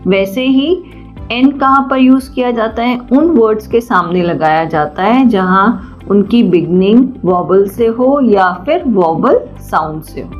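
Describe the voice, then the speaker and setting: Lady teacher slowly going over grammar, asks then answers herself, kinda dull lo-fi audio with faint music. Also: medium pitch, lively intonation. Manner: patient, asks and answers own questions; slow and deliberate. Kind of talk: classroom grammar lesson.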